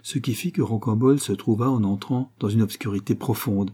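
Man, audiobook narrator, measured storytelling, dark mellow tone, husky. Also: on the low side. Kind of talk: audiobook reading of a novel.

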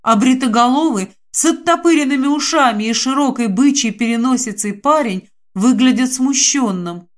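A woman's voice: high-pitched, normal speed, hardly any pauses. A woman reading a first-person story aloud in clipped, breathless short phrases. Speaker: audiobook narrator. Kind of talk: first-person literary narration.

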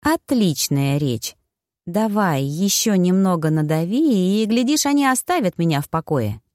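A woman's voice: fairly low pitch, big pitch swings, unhurried, a little mellow, no echo, clean studio sound. A woman reading an audiobook, voicing the wry inner thoughts of a shrewd young widow.

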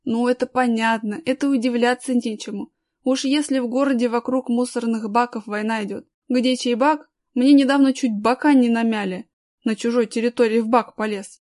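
A woman's voice: a little high, steady tone, moderate pace, darkish tone, natural voice. A woman voicing a kindly old grandfather who grumbles good-naturedly, in a storybook reading.

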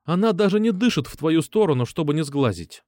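A man's voice: a little high, very animated, a little fast, a little mellow, dry recording, clean studio sound, voice pushed up. A man reading an audiobook, voicing a caring, chatty middle-aged mother in a raised voice. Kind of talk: audiobook character voice.

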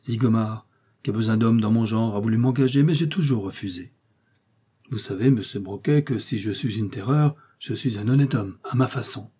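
Audiobook: male reader voicing a brawny heartbroken street tough, dark husky tone, exclamatory. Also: on the low side, normal speed. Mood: confiding. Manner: emotional, pleading, exclamatory. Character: huge lovesick Parisian tough guy, grieving.

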